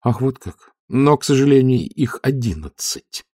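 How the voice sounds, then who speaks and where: A man's voice: mid-range voice, very animated, moderate pace, warm tone, no room sound, studio quality, voice pushed up. A man reading an audiobook, voicing a young woman werewolf guard who speaks drily and teasingly. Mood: wry.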